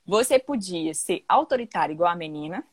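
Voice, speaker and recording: A woman hosting a casual podcast conversation, telling stories in an animated way and often ending with "né?". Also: brisk, husky, no echo. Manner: animated storytelling, often ends with "né?"; acts out children's voices with big pitch jumps. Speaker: podcast host.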